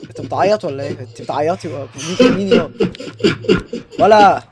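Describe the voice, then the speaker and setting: A young man with an Egyptian Arabic accent giving jokey let's-play commentary on a horror game, swinging from muttering to panicked yelling. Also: on the high side, a little fast, a loud crowd. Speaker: gaming YouTuber.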